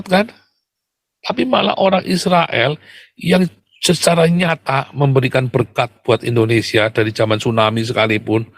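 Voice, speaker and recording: Addressing his viewers again and again as brothers, a man gives an emphatic, combative speech full of passion, his pitch leaping up sharply with each point he makes. The recording has no echo.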